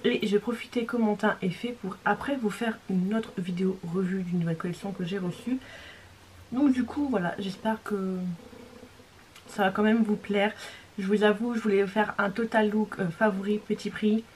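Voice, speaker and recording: A young woman chats through a beauty tutorial at an ordinary, mid-range pitch. She rambles with plenty of fillers and now and then slips into a whisper. A faint hiss of noise sits under the recording. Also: fairly even intonation, moderate pace, a little mellow. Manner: chatty and rambling, many fillers, drops to a whisper at times. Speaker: beauty vlogger. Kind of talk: casual makeup tutorial chat.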